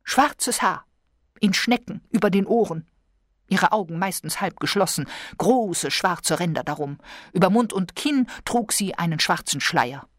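A woman's voice: fairly low pitch, lively intonation, a little slow, dry recording, clean studio sound. A woman voicing a fussy, self-pitying invalid wife who complains plaintively.

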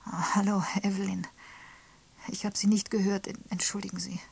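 A woman reading an audiobook, voicing a young wife who is upset and confiding, in a breathy, half-whispered way. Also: mid-range voice, level tone, moderate pace, darkish tone, pitched above the performer's own voice. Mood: flustered.

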